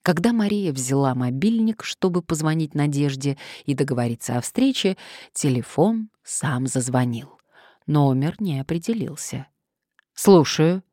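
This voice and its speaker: Brief: a woman narrator, deep-toned, measured and even, dry studio sound. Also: no room sound. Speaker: audiobook narrator. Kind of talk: scripted narration.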